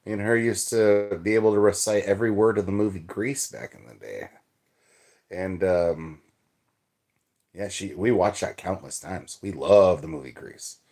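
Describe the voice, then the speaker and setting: A man's voice: on the low side, a little mellow. A young man hosting a livestream, chatting casually and reading out viewer comments in a loose, rambling way. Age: young adult. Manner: rambling, loose, filler-heavy chat. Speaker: livestream host.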